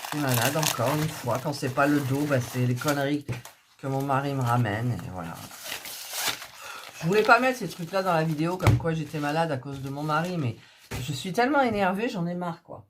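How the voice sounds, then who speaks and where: A sick woman with a low voice coughs as she chats casually with her subscribers, showing off her diamond painting kits. She speaks fairly quickly with lively intonation, hesitating often and using many fillers, over a noisy background.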